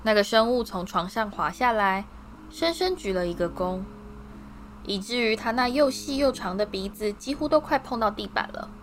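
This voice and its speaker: A woman narrating a storybook in a steady, even reading voice. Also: medium pitch, moderate pace, slight background noise. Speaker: audiobook narrator. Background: faint music.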